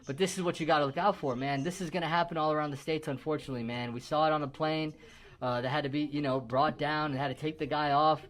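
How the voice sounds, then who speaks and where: A man's voice: a little high, steady tone, fast. A man commenting casually on a clip in an emphatic, slangy way, warning his viewers. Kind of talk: casual chat.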